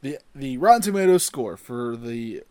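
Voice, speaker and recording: A man's voice: mid-range voice, lively intonation, normal speed, darkish tone, no echo. A man chatting casually as a podcast co-host, bantering his way through a quiz.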